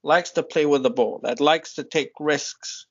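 A man co-hosting a casual football podcast, relaxed and chatty, cutting in with quick remarks. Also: on the high side, slightly rough. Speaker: podcast co-host. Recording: dull lo-fi audio.

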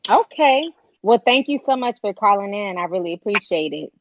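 A woman's voice: mid-range voice, lively intonation, moderate pace. A woman hosting a live call-in show in a casual, polite, conversational way. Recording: slightly dull, lo-fi sound.

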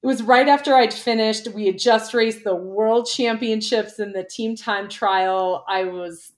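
A woman's voice: on the high side, steady tone. Chatty woman cyclist telling stories. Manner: chatty, quick storyteller with frequent "like". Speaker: guest, former pro cyclist and coach. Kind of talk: casual interview chat.

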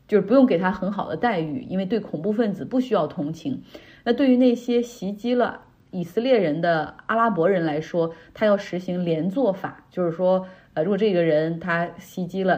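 A woman's voice: mid-range voice, darkish tone, muffled recording. A woman hosting a podcast, explaining the news in a chatty, explanatory way with frequent tag particles. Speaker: podcast host. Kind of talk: casual news commentary.

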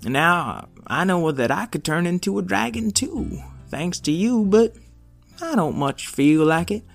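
A wise old rusty robot, acted by a man for a children's audio story. The voice is pitched high and swings about, with a kindly, folksy old-timer way of talking. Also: expressive, a little slow, creaky, faint music behind, exaggerated voice. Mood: folksy, consoling.

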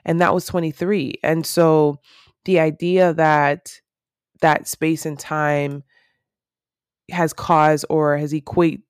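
A woman's voice: low-pitched, little pitch movement, takes it slowly, clear, resonant tone, dry recording, clean studio sound. A woman in her thirties hosting a solo podcast, talking in an earnest, reflective and rambling way with many fillers. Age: 30s. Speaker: podcast host.

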